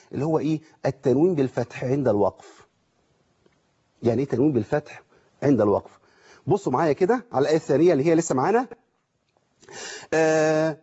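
Fast-talking Egyptian man teaching recitation. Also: on the high side, warm tone, slightly rough. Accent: Egyptian Arabic. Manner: asks questions and answers them himself. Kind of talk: tajweed lesson with recited examples. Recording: dull lo-fi sound.

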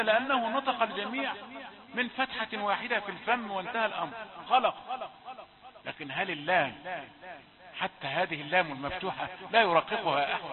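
A man with an Egyptian Arabic accent teaching Quran recitation, repeating single words to show how they are pronounced and slowly chanting verses. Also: high voice. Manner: repeats and drills single words to demonstrate pronunciation. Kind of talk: recitation lesson with spoken explanation. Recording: tinny phone-like sound with a crowd audible behind.

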